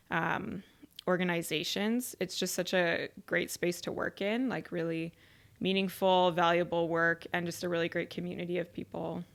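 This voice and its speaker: A young woman speaks as a podcast guest in an easy, open, talkative way, peppering her sentences with "like". Her voice is smooth and crisp. It sits slightly low for a woman. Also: a bit bright. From rural Ontario, Canada. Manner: chatty and open, many "like" fillers. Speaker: podcast guest, charity community manager. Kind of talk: casual interview chat.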